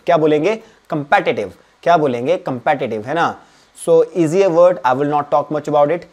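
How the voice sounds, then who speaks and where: A man teaching an English spelling lesson. He mixes Hindi and English, repeats words and spells them out letter by letter, and often clears his throat. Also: a little high, darkish tone. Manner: switches between Hindi and English mid-sentence. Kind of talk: exam-prep spelling lesson.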